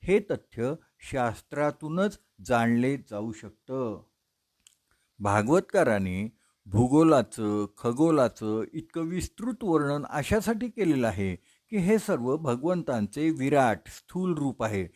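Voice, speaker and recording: A man giving a religious discourse, explaining steadily in a measured preaching manner and listing examples one by one. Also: medium pitch, very animated, darkish tone. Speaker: religious storyteller. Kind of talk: Bhagavata discourse.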